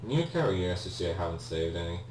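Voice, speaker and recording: Deep-voiced and sing-song, this young gamer talks fast as he offers casual commentary on his game. He is a native Polish speaker with an accent to match, and he sounds hesitant and apologetic, with frequent ums and restarts. It's recorded on a distant mic in an echoey room with a faint hum.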